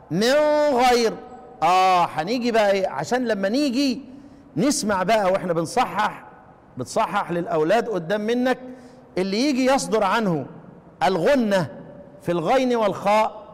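A man with an Egyptian accent teaching a lesson on Quranic readings, asking rhetorical questions and slowly chanting the example phrases. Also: high-pitched, in a large hall. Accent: Egyptian Arabic. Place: class with students.

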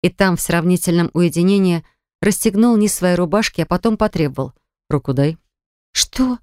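A woman reading a novel aloud as an audiobook narrator, in a steady storytelling manner. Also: fairly low pitch, a little fast, clean tone, no echo, studio quality. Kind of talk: scripted narration.

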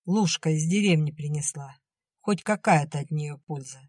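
A stern older sister with a sharp, scolding tongue, read by a woman. She talks curtly and irritably. Her voice is low and dry, close to the mic. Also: normal speed, dry recording.

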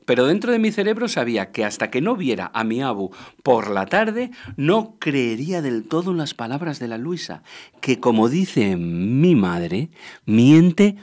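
A man from reads a children's story aloud. His voice is a little husky, and his pitch rises and falls a great deal. He plays with the words, getting loud and then hushed. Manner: playful, lively, swings between loud and hushed. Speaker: storyteller and podcast host. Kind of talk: expressive reading of a children's story.

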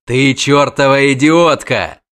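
A man voicing a gruff, weary grown monster hunter, talking low, curt and measured. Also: close to an everyday voice. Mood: angry.

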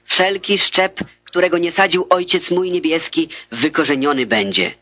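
A man reading the words of a calm, authoritative male teacher in a measured, solemn way. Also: fairly high pitch, dry recording. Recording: dull lo-fi dry recording.

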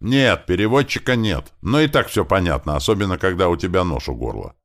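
A man voicing a captured young man who yells desperately across the battlefield. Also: low voice, expressive, brisk, voice pushed up. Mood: yelling. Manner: yelling loudly and desperately. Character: Grach, a captured young man yelling from afar.

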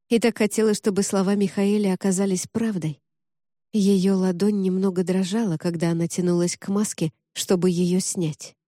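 A woman narrating a dark fantasy audiobook in a measured, dramatic manner, close to the mic. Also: fairly low pitch, dry recording.

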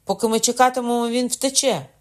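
A man reading an audiobook, voicing a hot-blooded young nobleman who shouts, raised in pitch. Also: moderate pace, lightly acted. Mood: fierce, shouting. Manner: loud, shouting, fired up.

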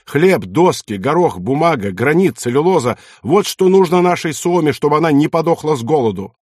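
A man voicing an irascible old male Finnish baron who shouts, scoffs and chokes with rage. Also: mid-range voice, expressive, moderate pace, dry recording, studio quality, close to an everyday voice. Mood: furious shouting. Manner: shouting, scornful, choking with rage.

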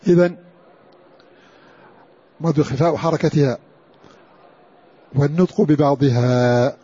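Man, religious lecture, mellow husky voice, repeats phrases, chants examples, muffled lo-fi sound. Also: a little high, takes it slowly. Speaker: Quran scholar teaching a class. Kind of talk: classroom lecture on Quran orthography. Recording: dull lo-fi lecture recording.

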